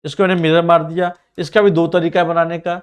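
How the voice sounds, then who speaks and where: A man with a slightly high voice walks students through a ring design in CAD software, narrating each click and command as he goes. He explains plainly and directly to his learners, with a Mumbai Hindi accent. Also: level tone, clear, resonant tone. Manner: says he sometimes talks fast. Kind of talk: screen-recorded software tutorial.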